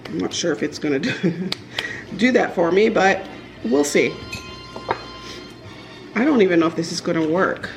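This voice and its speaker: A woman's voice: fairly low pitch, expressive, normal speed, long pauses, over music, rough recording. A woman chatting casually in her home kitchen as she bakes cookies for her vlog, rambling with many fillers and restarts. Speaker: vlogger. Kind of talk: casual baking vlog chat.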